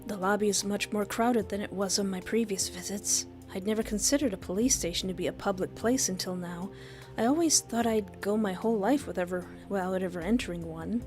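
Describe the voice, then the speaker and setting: A woman's voice: mid-range voice, brisk, a little mellow, soft background music, close to an everyday voice. A woman reading a visual novel as an anxious, shaken young student narrator, with a hesitant and worried manner. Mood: anxious, dazed.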